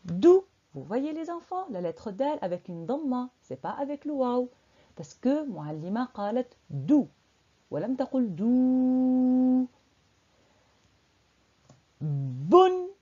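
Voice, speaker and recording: A woman teacher drilling young children through a dictation lesson, sounding out syllables slowly and exaggeratedly and quizzing the class with encouraging questions. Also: on the high side, big pitch swings, dark tone, lo-fi sound.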